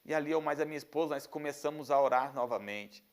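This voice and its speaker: A man's voice: fairly high pitch, fast talker. Earnest Brazilian man giving testimony. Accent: Brazilian Portuguese. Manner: earnest storytelling, repeats phrases for emphasis; frequent restarts and stumbles. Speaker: testimony speaker. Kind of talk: religious personal testimony.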